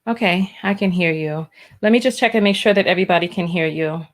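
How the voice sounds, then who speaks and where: A woman's voice: lowish voice, fairly quick. A woman hosting a live call-in show in a casual, chatty style.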